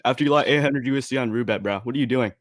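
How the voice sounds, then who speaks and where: Defensive, fast-talking young man. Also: mid-range voice. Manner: defensive, repeats demands for proof. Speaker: accused server member. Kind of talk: heated voice-chat argument. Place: online voice chat.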